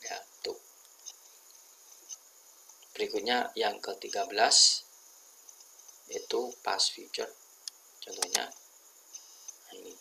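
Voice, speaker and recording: A man teaching a casual spoken grammar lesson, explaining each example slowly and reading the sample sentences aloud deliberately before translating them. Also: fairly low pitch, fairly even intonation, gravelly, bright, forceful tone, breathy edge, rough recording. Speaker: English teacher.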